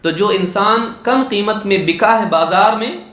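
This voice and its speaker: A man's voice: sits high, unhurried, fairly bright tone, echoey room. A man teaching a hadith lesson, who recites Arabic verses and asks questions that he then answers himself. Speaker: Islamic scholar teaching hadith. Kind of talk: religious lesson.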